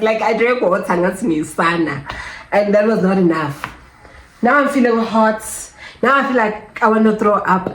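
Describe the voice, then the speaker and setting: A young South African woman with a South African accent, telling a personal story in a casual vlog and acting out other people's lines. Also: mid-range voice. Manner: animated, switches between English and Zulu, acts out voices of nurses. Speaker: vlogger. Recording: echoey room with faint background hum.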